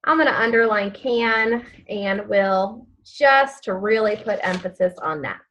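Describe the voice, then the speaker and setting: A woman's voice: medium pitch, unhurried, a bit bright, slight background noise, poor audio. A woman leading a live online training session for her sales team, chatty and upbeat with lots of fillers, giving step-by-step instructions and repeating key phrases. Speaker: direct-sales team leader.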